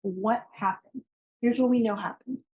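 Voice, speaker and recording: A woman's voice: a little high, unhurried, a little mellow, low-quality recording. A woman prosecutor giving a courtroom closing argument, emphatic and pressing her points through repetition. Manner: emphatic, repeating key phrases for force.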